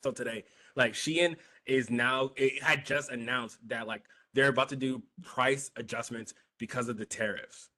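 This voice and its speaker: A man's voice: mid-range voice, steady tone, normal speed, hardly any pauses, sharp tone. A young man co-hosting a podcast, chatting casually, rambling and correcting himself, laughing often. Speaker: podcast co-host. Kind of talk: casual chat.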